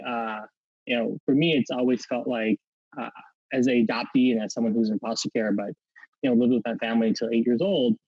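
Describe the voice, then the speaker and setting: A man's voice: medium pitch, no echo, highs cut off. A man born in Vietnam speaking reflectively as a podcast guest, hesitant and thoughtful. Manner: reflective, hesitant, many fillers. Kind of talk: casual podcast conversation.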